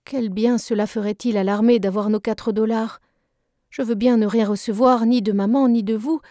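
A woman's voice: medium pitch, dark tone, no echo, studio quality, close to an everyday voice. A woman voicing a spirited tomboy teenage girl in a storybook reading, protesting vehemently. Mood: wistful.

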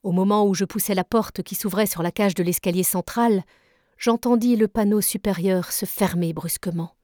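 A woman reading a classic novel aloud in a measured, even narration. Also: medium pitch, dry recording, studio quality. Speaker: reader. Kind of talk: literary read-aloud.

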